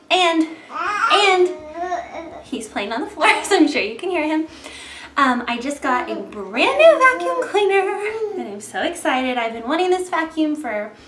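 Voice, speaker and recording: A young woman, chatting excitedly to camera at home, a bit out of breath. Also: sits high. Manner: bubbly and excited, chatty with many fillers. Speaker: home cleaning vlogger. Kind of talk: casual chat to camera. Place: home bedroom, indoors. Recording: echoey room with clear background noise.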